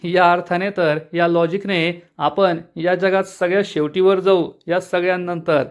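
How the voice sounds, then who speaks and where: A man's voice: high voice, steady tone, measured pace, pitched above the performer's own voice. A man reading out the lines of a boastful, bullying man from a TV serial, in a jeering tone. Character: drunken, bullying grown man of the house.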